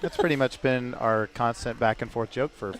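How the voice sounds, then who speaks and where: A man's voice: medium pitch, moderate pace. Jokey male podcast host at a dinner table, busy crowd chatter behind him. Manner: joking, laughing. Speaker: podcast host and racing driver. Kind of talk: casual chat over dinner. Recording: noisy room with crowd chatter.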